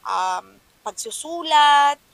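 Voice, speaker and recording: A woman giving a chatty, lively lecture on teaching children, mixing languages and often asking her listeners to agree. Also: high voice, extremely slow, dry recording, poor audio.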